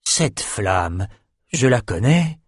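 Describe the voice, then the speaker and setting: Un général grave et résolu. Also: male voice, lowish voice, very animated, very slow, husky, no echo, exaggerated voice. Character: stern veteran general, grave and resolute. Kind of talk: audiobook dialogue. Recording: dry studio recording.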